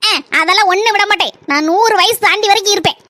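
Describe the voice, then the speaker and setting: A woman doing a shrill nagging old mother-in-law. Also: quick pace, sharp tone, no echo, studio quality. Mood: wheedling. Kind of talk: cartoon comedy voice acting.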